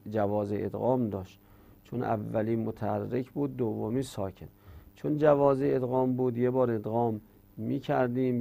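A man teaching an Arabic grammar lesson in Persian, reciting verb conjugations in a steady drone and then explaining the rules step by step. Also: medium pitch, creaky. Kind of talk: religious-school grammar lesson.

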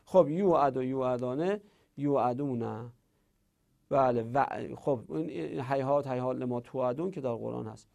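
A middle-aged man teaching a grammar lesson, reciting verb forms in rhythmic lists that swing between loud and soft. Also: medium pitch, vocal fry. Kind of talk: lecture on Arabic grammar.

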